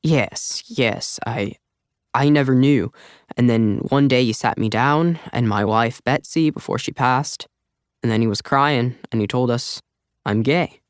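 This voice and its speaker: A man's voice: mid-range voice, unhurried, clear, resonant tone, no room sound, clean studio sound, natural voice. A man voicing a chatty older man with a slight accent, talking in a rambling, earnest way in an audiobook. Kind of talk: audiobook character voice.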